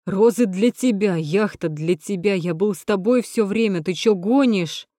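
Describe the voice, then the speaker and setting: A woman's voice: medium pitch, normal speed, warm tone, dry recording, clean studio sound, close to an everyday voice. A woman voicing a young man who bluntly argues back at his girlfriend in an audiobook. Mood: exasperated.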